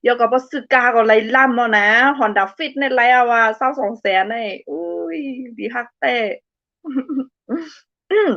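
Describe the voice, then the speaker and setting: A woman's voice: sits high, unhurried, no echo, dull audio. A young woman hosting a casual live stream, reading out viewer comments in a playful, giggly way. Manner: giggly and playful, laughs often between remarks.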